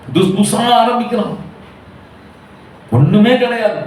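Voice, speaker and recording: A man's voice: high voice, unhurried, a little mellow, distant mic. A male pastor preaching a Sunday sermon in Tamil with a Tamil Nadu accent, urging his listeners with repeated questions. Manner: repeats rhetorical questions, urgent and pleading. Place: church hall. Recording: echoey church hall from afar with faint hum.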